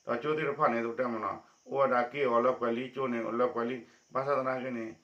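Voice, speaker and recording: A man presenting a news report with a steady spoken delivery. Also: mid-range voice. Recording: echoey dull lo-fi recording.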